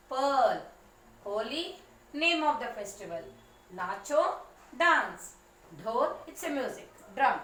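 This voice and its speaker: A woman's voice: on the high side, a bit bright, slight background noise. A female teacher, patiently teaching young children, repeating and spelling words out one by one. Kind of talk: online class lesson. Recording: echoey room, far from mic, faint ambience.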